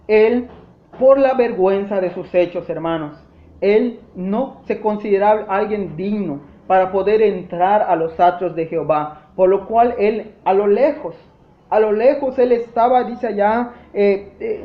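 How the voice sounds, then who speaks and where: A man with a Mexican accent, a pastor giving an impassioned sermon and often addressing the congregation as brothers. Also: sits high. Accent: Mexican Spanish. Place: church sanctuary. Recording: echoey church, dull lo-fi sound.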